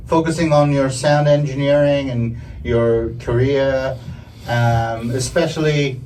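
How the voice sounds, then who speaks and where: A man's voice: medium pitch, fairly even intonation, slow pace, a little mellow. Man interviewer with eager, affirming responses. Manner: eager, frequent affirming yeahs. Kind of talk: casual interview questions. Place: rehearsal studio. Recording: slightly distant mic with faint room noise.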